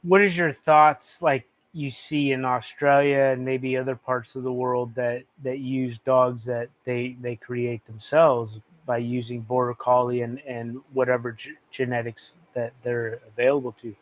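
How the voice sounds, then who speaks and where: A man's voice: mid-range voice, little pitch movement, a little slow, hardly any pauses. A man asking informal questions as an interviewer.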